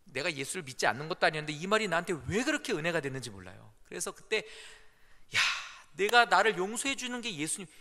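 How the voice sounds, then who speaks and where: A male pastor preaching a Sunday sermon in a church, telling stories and acting out the quotes. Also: on the high side. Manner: animated storytelling with acted-out quotes. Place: church sanctuary. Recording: echoey church hall.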